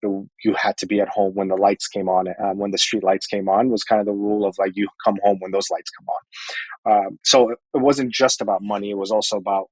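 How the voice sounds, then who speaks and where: Earnest low-voiced man from Iran. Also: little pitch movement, dry recording, rough recording. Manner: earnest, halting with restarts. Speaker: guest. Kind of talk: personal storytelling in an interview.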